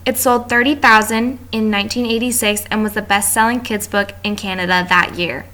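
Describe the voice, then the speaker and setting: A woman's voice: mid-range voice, fairly even intonation, brisk, sharp tone. A woman reading a class presentation aloud from notes, with small stumbles and restarts. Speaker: student presenter.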